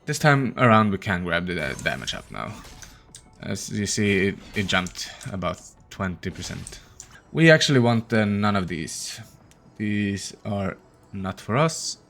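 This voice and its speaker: A man hosting a gaming channel, giving casual, tired, low-energy commentary as he thinks aloud while playing. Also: big pitch swings, measured pace, gravelly, fairly bright tone, soft background music. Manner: opens with a put-on peppy intro voice.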